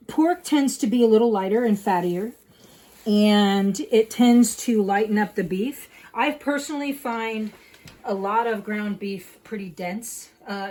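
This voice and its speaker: A woman's voice: medium pitch, measured pace, a little mellow, a little hiss or hum, rough recording. A middle-aged woman hosting a casual home cooking demonstration, explaining each step in a chatty way with many fillers. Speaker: home cook host. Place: home kitchen.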